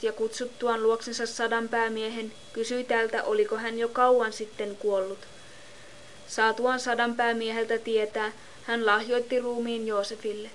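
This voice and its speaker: A woman reading a Bible passage aloud in a steady, measured way. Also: fairly high pitch, a little hiss or hum. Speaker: scripture reader.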